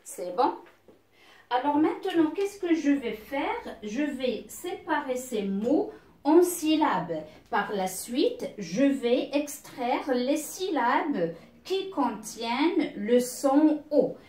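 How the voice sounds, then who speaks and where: A woman teaching a beginner reading lesson, patient and methodical, drawing out each word clearly and asking herself questions aloud as she goes. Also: sits high, sing-song, dark tone, echoey room, recorded from a distance. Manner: draws out words slowly and clearly.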